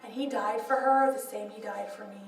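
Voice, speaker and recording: A woman speaker sharing a personal testimony in an animated, laughing storytelling manner. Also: medium pitch, fairly quick, creaky. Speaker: author and speaker. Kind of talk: personal testimony at a church event. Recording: echoey hall, mic far off.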